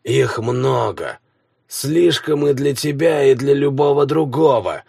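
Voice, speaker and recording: A man voicing a dying old male warlock, a village elder who speaks in slow, wheezing, strained phrases. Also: mid-range voice, animated, vocal fry, mellow, husky, dry recording, clean studio sound, pitched above the performer's own voice, exaggerated voice. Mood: bitter, grim. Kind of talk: audiobook character voice.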